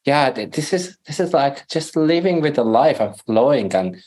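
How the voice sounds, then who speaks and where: Speaking at a moderate pace in a medium-pitched voice, this podcast guest from Iran, a native Farsi speaker, recounts his story in a conversational interview. He tells it with lively energy, laughs a lot, and performs the lines he once said.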